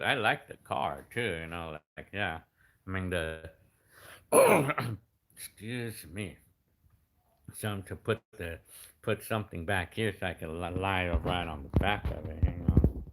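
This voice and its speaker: 50 yr old guy chatting about his old cars, lowish voice, kinda bright, lots of um and you know. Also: unhurried, long pauses, a little hiss or hum. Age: 50s. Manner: rambling, hesitant, many restarts and fillers. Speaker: YouTube creator answering comments. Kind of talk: casual chat reading viewer comments.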